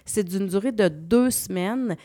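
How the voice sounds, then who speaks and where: Québécois woman, travel columnist, dry close sound, lively explainer. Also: medium pitch, a little slow, no echo. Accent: Québécois French. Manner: lively, explanatory, spells out place names. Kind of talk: radio travel segment.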